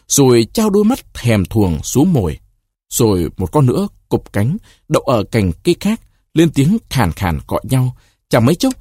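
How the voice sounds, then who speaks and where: A man narrating a short story in an expressive, deliberate reading. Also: mid-range voice, slightly rough, no room sound, studio quality.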